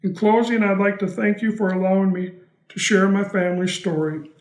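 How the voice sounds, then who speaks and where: A man's voice: sits high, level tone, fairly quick, roomy sound, low-quality recording. A man reading a prepared personal testimony as a patient.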